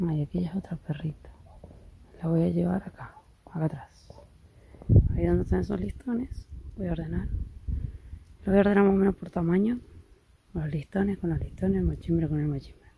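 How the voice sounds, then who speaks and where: A young woman vlogs casually from her rural house, her voice low and weak from illness, often half-whispering and cooing at dogs. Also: normal speed, creaky, pauses often, mellow, a little hiss or hum. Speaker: vlogger. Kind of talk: casual vlog narration. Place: rural house, partly outdoors.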